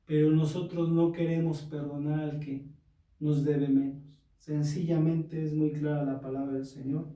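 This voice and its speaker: Man preaching slow to his church, fairly high voice, big echoey hall. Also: flat delivery, warm tone, distant mic. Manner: unhurried preaching, addressing the church directly. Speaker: pastor. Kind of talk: sermon reading and explaining scripture.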